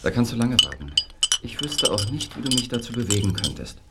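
Man acting a firm producer, medium-pitched, noisy backing. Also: very animated, fairly quick, close to an everyday voice. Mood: indignant. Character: stubborn, indignant male film producer. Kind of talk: audio drama acting.

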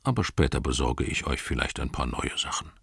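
A wise old wizard, voiced by a male audiobook reader, speaking low and unhurried in a soft, measured tone. His voice is very deep and gravelly, with a husky grain. The recording is close and dry. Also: no room sound, heavily acted. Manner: calm, measured, soft-spoken.

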